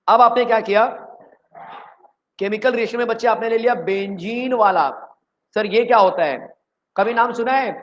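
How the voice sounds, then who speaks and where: A man from India teaching chemistry in an energetic online exam-prep lecture, who keeps quizzing his students. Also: high-pitched, measured pace, long pauses, highs cut off.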